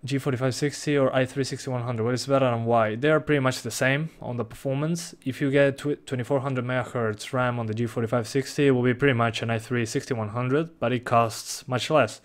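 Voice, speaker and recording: Talking a little fast with hardly any pauses, a young Uruguayan man with a mid-range voice handles chat questions on a live stream, reading each aloud before answering. A native Spanish speaker with a Rioplatense accent, he's relaxed and chuckles often.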